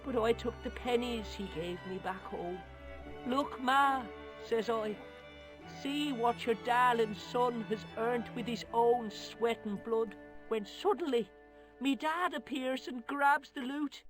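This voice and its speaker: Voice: mid-range voice, slow, over music, lightly acted. An actor voicing a cheeky, scrappy Irish street boy in a video game, boastful and tough-talking, with an Irish accent. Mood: theatrical. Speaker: game character.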